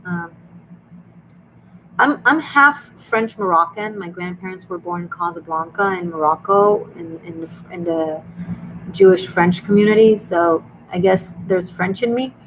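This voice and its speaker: Hosting a live tarot and dream reading stream, a woman with an Israeli Hebrew accent speaks unhurriedly in a fairly low voice, earnest and chatty, often restarting. The audio is poor, with a little hiss or hum.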